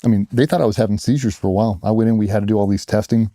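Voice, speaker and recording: Speaking very fast in a lowish, fairly even voice with a dark tone, this middle-aged man, an ex-Navy SEAL and interview guest, bluntly and casually recounts his personal story. He acts out other people's words as he goes. The studio-quality recording is dry.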